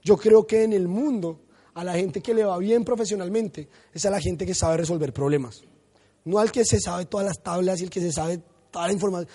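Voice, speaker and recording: A man, a pastor preaching a sermon with animated storytelling. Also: high-pitched, slightly rough. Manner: animated storytelling, acts out voices.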